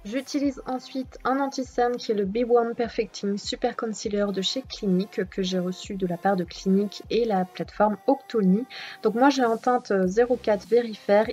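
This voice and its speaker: A woman narrates her makeup routine in a relaxed, chatty voice-over, her voice slightly husky. She hesitates often with filler sounds as she moves between steps. Soft music plays faintly underneath. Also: medium pitch, normal speed. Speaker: beauty vlogger. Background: soft background music.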